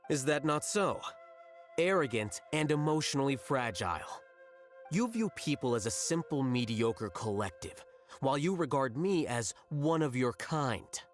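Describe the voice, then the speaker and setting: An actor playing a rational, blunt young scholar in a video game, speaking in a measured, detached, matter-of-fact way. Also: male voice, medium pitch, animated, faint music behind, close to an everyday voice. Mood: cool, blunt. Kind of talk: English video game voice acting.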